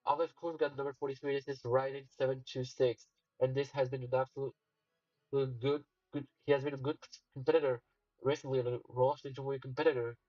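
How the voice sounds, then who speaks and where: Young man, game play-by-play commentary, halting with fillers, excited outbursts, dry distant muffled mic. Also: medium pitch, no echo. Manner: halting, lots of fillers and restarts, bursts into excited shouts. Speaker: streamer commentating a game competition. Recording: distant dull mic with faint music.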